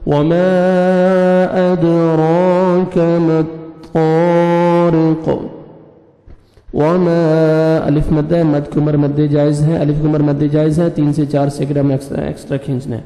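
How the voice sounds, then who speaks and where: A man teaching Quran reading. He spells out letters and vowel marks one by one, then recites each word slowly in a drawn-out chant. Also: fairly high pitch, level tone, creaky, dark tone, faint music behind. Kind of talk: slow spelled-out recitation lesson. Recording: echoey room with long reverb.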